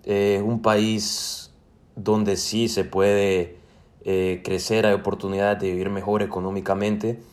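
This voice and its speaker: Young man, twenties, Salvadoran Spanish accent, lowish voice, hesitant casual interview answers, frequent fillers. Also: flat delivery, slow pace, darkish tone. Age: 20s. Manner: hesitant, many fillers and restarts. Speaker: student guest.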